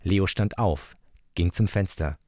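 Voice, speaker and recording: A man narrating an audiobook in the first person with calm, even storytelling. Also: low-pitched, takes it slowly, no room sound, studio quality.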